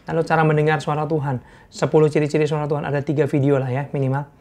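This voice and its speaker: A man giving an informal sermon-style talk, earnest and repetitive for emphasis, asking his audience questions and clearing an irritated throat. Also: on the high side, flat delivery, very fast, darkish tone.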